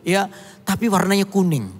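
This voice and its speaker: Male preacher, husky high voice, animated storyteller, long church reverb. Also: normal speed. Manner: animated storytelling, voicing characters, addressing congregation. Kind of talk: sermon with acted story. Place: church hall.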